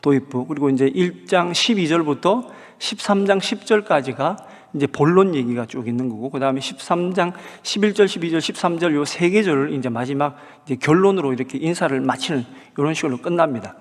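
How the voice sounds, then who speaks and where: A male pastor preaching a sermon, talking in a lively way and asking the congregation rhetorical questions. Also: on the high side, brisk. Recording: hall reverb.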